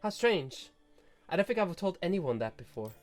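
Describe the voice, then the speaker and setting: A man reading the lines of a proud, tragic snake-woman noble aloud in a measured, solemn way. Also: sits high, big pitch swings, faint music behind. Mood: wistful. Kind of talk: reading game dialogue aloud.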